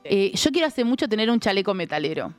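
A woman with an Argentine Rioplatense accent co-hosting a casual radio chat, animated, laughing a lot and swearing casually. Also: mid-range voice, quick pace, soft background music. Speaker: radio co-host. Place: radio studio.

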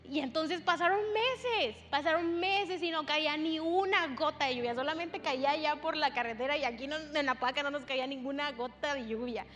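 High-voiced young woman preaching in a hall. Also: normal speed, hardly any pauses, fairly bright tone, slight background noise. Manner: chatty storytelling with fillers. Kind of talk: sermon. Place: church hall. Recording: long hall reverb with faint music.

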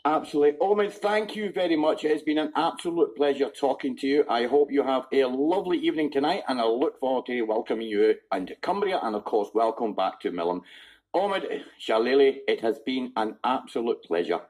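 A Scottish man hosting a radio show, chatty and jokey with his guest. His voice is husky and sits at an ordinary male pitch. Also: a little fast. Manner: jokey, chatty, warm sign-offs. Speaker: radio host. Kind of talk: casual radio chat.

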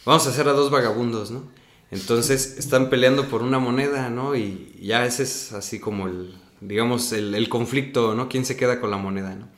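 A man's voice: mid-range voice, moderate pace, roomy sound. A young man with a Mexican accent, telling his acting story in a casual interview, ending many phrases with "¿no?". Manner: animated storyteller, tags sentences with "¿no?".

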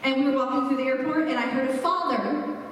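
A woman's voice: sits high, fast, fairly bright tone. A woman in her forties, a pastor, introducing a new sermon series in a conversational, storytelling way with emphatic repeats. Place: church sanctuary. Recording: echoey hall, voice from far off.

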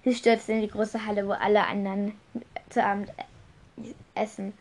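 A woman narrating an improvised story, halting and correcting herself as she goes. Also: mid-range voice, level tone, darkish tone.

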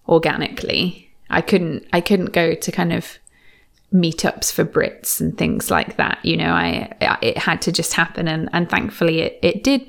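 A woman's voice: lowish voice, creaky. A woman, talking casually as an interviewer in a conversation.

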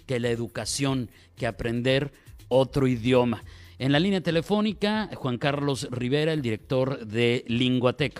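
A man hosting a radio news segment, introducing a guest and pressing him with lively questions. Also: mid-range voice. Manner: animated, probing questions. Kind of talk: radio interview.

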